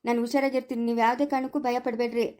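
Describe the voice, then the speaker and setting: A cheerful, confident young man heading off to his studies, played by a woman with a Chikkaballapura rural Kannada accent. The voice sits high and moves fast, breezy and teasing, always reassuring. It comes from a homemade family drama. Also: flat delivery, a little mellow, lightly acted.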